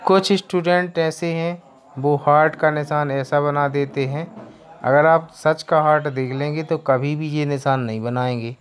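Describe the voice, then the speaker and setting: A man teaching an online English lesson, reading English slowly word by word and then explaining it in Hindi. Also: a little high, steady tone.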